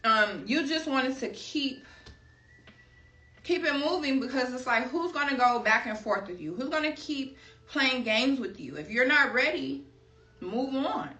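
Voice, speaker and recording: In an echoey room, somewhat far from the microphone, a Chicago woman with a high, sharp, expressive voice takes her time through a casual tarot reading. She chats freely, drifts into personal stories and keeps calling her viewers y'all.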